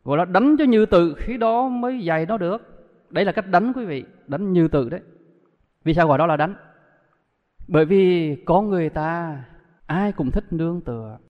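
A man's voice: high-pitched, animated, moderate pace. A man giving a Buddhist dharma talk, telling stories and asking the audience rhetorical questions. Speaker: Buddhist monk teacher. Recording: muffled audio with long hall reverb.

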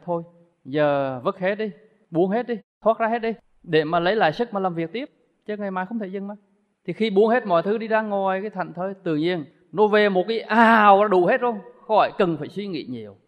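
A man giving a Buddhist sermon to an audience, with lively, emphatic rises and falls in his voice. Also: sits high. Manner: lively, rising and falling emphatic delivery. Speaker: Buddhist teacher. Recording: dull lo-fi recording in a reverberant hall.

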